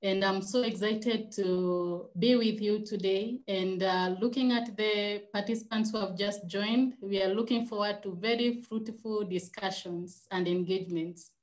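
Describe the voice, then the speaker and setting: A woman in her forties introducing herself as a panelist on a video call, slow and formal. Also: medium pitch, fairly even intonation, a little mellow. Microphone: webcam video call.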